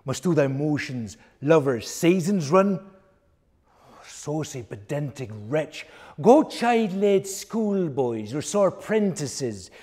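A man's voice: on the high side, big pitch swings, slow, dark tone. A middle-aged man reciting poetry dramatically in Shakespearean English with reconstructed early modern pronunciation, projecting to the room in a wooden hall. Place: wooden recital stage indoors. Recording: long reverb of a wooden hall.

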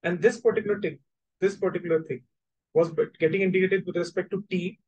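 A man's voice: high voice, steady tone, fast talker, a little mellow, slightly rough, muffled recording. A man with a North Indian accent teaching an online maths lesson, repeating his points as he explains. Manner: repetitive explaining, switching between languages, checking understanding.

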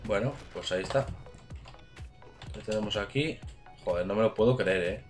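A man with a Spain Spanish accent doing casual gameplay commentary as a gaming channel host, excitable, swearing and cheering on his teammates. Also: fairly low pitch, moderate pace, soft background music.

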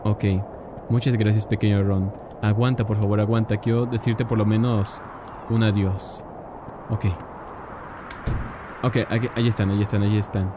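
A man casually commentating a game, chatty and excitable, talking to his viewers. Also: on the low side, normal speed, pauses often, background noise. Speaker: gaming youtuber. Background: game music.

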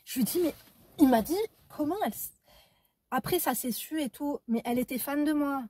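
A young woman vlogger telling a personal story to her viewers in a chatty, animated way, with many restarts and asides. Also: sits high, fairly quick, no echo, clean studio sound. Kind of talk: casual storytime to camera.

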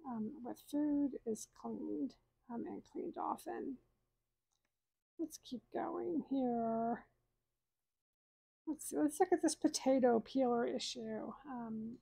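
A woman's voice: fairly high pitch, creaky, darkish tone, breathy edge, no room sound, rough recording. A woman in her thirties hosting a cruise channel, reading scores aloud in a friendly, explanatory way from a room at home. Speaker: cruise vlog host. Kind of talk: casual walkthrough of data.

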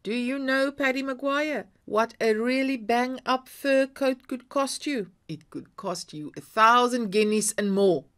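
A woman's voice: on the high side, unhurried, hardly any pauses, a bit bright, voice pushed up. A woman voicing a shrewd, proud middle-aged wife who talks in a coaxing, chiding way.

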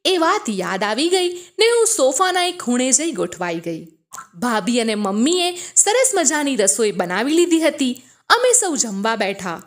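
A woman tells a first-person family story with an expressive, storytelling delivery. Her voice sits high and moves through a wide, lively pitch range. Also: a little slow.

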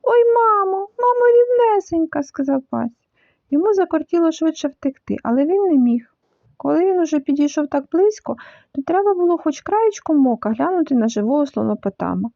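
A woman reading a children's story aloud in an expressive, animated way. The recording is dull and lo-fi. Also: high-pitched, a little fast, gravelly, no room sound. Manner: lively, animated, full of voices.

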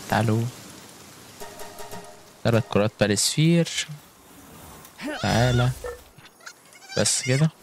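A man's voice: mid-range voice, fairly bright tone, slight background noise. Egyptian male gaming creator, chatty running commentary aimed at viewers, mid-range voice. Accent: Egyptian Arabic. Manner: chatty, keeps calling out to viewers with frequent exclamations. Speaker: gaming YouTuber. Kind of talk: live gameplay commentary.

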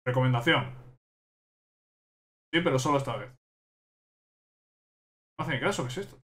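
A man's voice: mid-range voice, lively intonation, normal speed, fairly bright tone. A young man commenting on his own gameplay, exasperated and repeating himself as he rants at the game. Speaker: gaming YouTuber.

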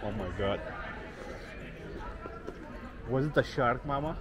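A man chatting gently with a young child on a family walk outdoors, often heard from a little way off the camera. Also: mid-range voice, slow, crowd noise. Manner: gentle, coaxing tone toward a child. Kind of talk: casual chat with a young child. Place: outdoors by water in a busy town. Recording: noisy outdoor street, distant at times.

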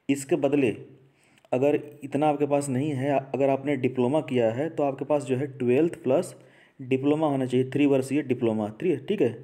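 This education-channel host has a mid-range, dark-toned voice. His informal explainer for an off-camera video audience is conversational, full of repeated phrases and frequent check-ins with listeners.

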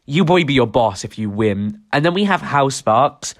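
A teenage boy narrates a reaction video in a sarcastic, mocking way, cursing casually. His voice sits at an ordinary middle pitch. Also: expressive, moderate pace. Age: teens. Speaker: YouTube commentator. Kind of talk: reaction commentary.

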